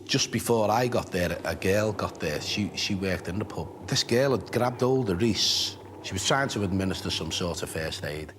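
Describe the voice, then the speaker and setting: A man, recounting events in a documentary interview, halting and emotional, repeating himself. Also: low-pitched, background noise. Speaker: interviewee, witness. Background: soft music score.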